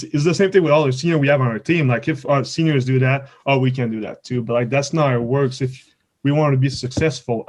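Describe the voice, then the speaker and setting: This podcast guest is a college baseball player in his twenties, a native French speaker from Quebec, Canada, with a Quebec French accent. His voice sits in the mid range with a darkish tone, and he answers the interview questions informally, rambling casually.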